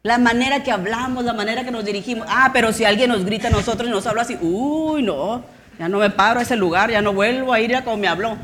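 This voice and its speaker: A woman's voice: on the high side, quick pace, crowd noise. Impassioned woman pastor preaching. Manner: impassioned preaching with acted-out quotes of shouting parents. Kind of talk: sermon.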